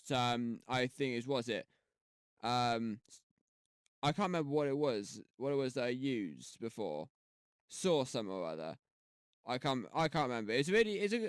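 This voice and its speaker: A YouTube tutorial host, a man with a medium-pitched voice, rambles through a casual screen-recorded audio-editing tutorial with fillers and restarts. He speaks into a gaming headset mic, and the sound is clean, studio-like, with no echo.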